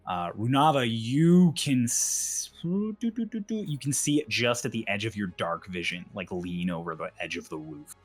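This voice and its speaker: Low-pitched man running a tabletop game. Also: moderate pace, hardly any pauses, breathy edge. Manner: conversational, descriptive. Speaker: game master. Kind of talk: improvised tabletop game narration.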